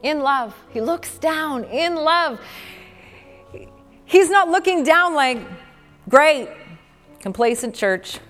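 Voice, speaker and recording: Woman preacher, high voice, slow deliberate delivery, emphatic exhortation, reverberant church hall with soft music. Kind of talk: sermon.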